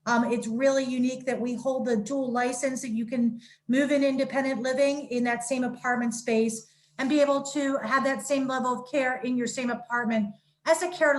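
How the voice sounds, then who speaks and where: A woman's voice: a little high, rough recording. A woman giving a promotional presentation on a video call as a marketing director for senior living.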